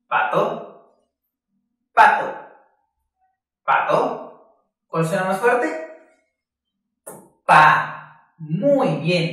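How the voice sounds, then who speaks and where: A primary school teacher in a recorded class for young children speaks at a slow, patient pace. Words are stretched out syllable by syllable. The voice sits at a moderate pitch and rings through a very echoey room, picked up from some distance. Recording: very echoey room, voice far from mic.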